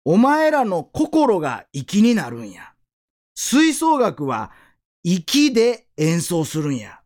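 A man's voice: high voice, huge pitch swings, slow pace, full character voice. A man voicing a stern but caring band teacher from Osaka, who talks bluntly and barks questions at his students in an Osaka accent. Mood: firm teaching.

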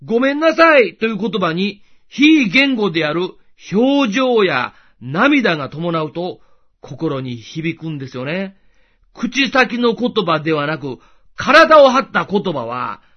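A man with a notably high, very animated voice gives a scripted devotional talk, explaining things gently and patiently. The recording sounds dull and somewhat lo-fi. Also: unhurried.

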